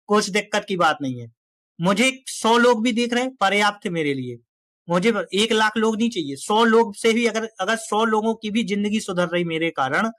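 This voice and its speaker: A man's voice: high voice, a bit bright, no echo. A man speaking directly to viewers about investing in a casual, emphatic, exhorting way. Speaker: finance YouTuber. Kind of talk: direct-to-camera finance talk.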